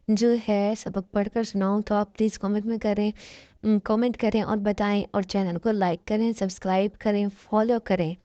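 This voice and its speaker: A woman's voice: medium pitch, dark tone, dry recording, dull audio. A woman with a Pakistani Urdu accent teaching Quran reading, spelling out letters and drawing out each syllable with patient instruction. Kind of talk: slow spelled-out recitation lesson.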